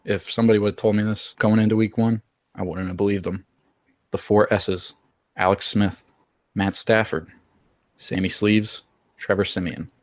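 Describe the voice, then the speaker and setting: A man's voice: fairly low pitch, steady tone, moderate pace, long pauses, no echo. A young man hosting a fantasy football podcast, gloating and trash-talking his friends in theatrical, boastful banter. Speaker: podcast host.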